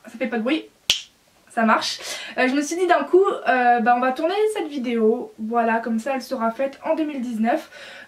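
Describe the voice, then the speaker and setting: A woman's voice: high-pitched, darkish tone. A woman from France chatting casually in a vlog about her doll collection, rambling with frequent hesitations and apologies.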